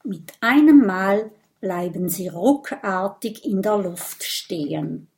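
Brief: woman narrator for a children's audiobook, unhurried, middle pitch. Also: expressive, darkish tone. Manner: slow, clear storytelling.

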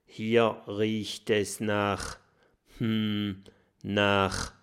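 Man doing a hushed anxious porcupine girl. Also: on the low side, flat delivery, extremely slow, gravelly, smooth, full character voice. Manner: hushed, hesitant.

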